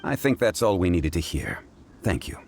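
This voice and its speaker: Deep, composed, learned gentleman. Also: big pitch swings, creaky, a little hiss or hum, exaggerated voice. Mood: courteous. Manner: formal, measured, deliberate. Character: composed, learned gentleman consultant, calm and grave. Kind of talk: video game voice acting.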